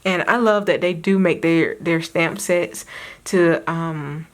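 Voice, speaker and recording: A woman's voice: fairly low pitch, slow pace. A woman with a Southern US accent, a craft vlogger chatting casually to her viewers, rambling and giggling with lots of fillers. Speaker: craft YouTuber.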